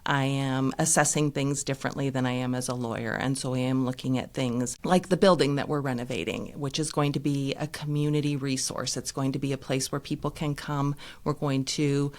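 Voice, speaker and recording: A woman's voice: a bass voice, steady tone, fairly quick, hardly any pauses. A woman from Nevada, a nonprofit executive director and lawyer, speaking as an interview guest in an articulate, explanatory manner. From Reno, Nevada. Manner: articulate, explanatory, listing things.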